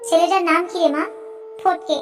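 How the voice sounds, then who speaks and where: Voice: very high voice, steady tone, normal speed, music in the background. A performer voicing a cautious, worried middle-aged mother in a cartoon, warning and sorrowful. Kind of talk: cartoon voice acting.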